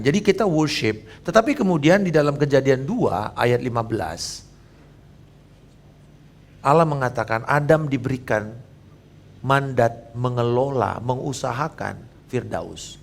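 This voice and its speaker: Lively joking pastor in his fifties. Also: medium pitch, moderate pace, vocal fry. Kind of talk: sermon.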